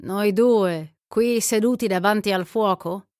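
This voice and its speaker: A woman's voice: mid-range voice, slow pace, no room sound, studio quality, natural voice. A woman voicing a gallant young gambler. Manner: smooth, gallant, flattering.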